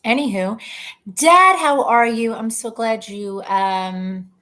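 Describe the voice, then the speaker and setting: Chatting casually on a livestream from her computer at home, a woman greets viewers by name and pokes fun at herself, picked up by the webcam mic. Her voice is a little high and a bit bright, and she speaks slowly.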